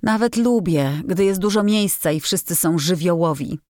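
A woman's voice: lowish voice, moderate pace, a little mellow, no echo, studio quality, close to an everyday voice. A woman voicing a spirited, blunt teenage girl in a storybook reading, asking eager questions.

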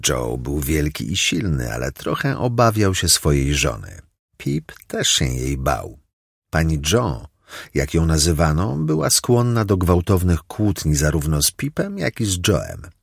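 A man reading a children's audiobook aloud in expressive, scripted narration. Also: a bass voice, unhurried, vocal fry, breathy edge, dry recording, clean studio sound. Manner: expressive storytelling. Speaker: audiobook reader.

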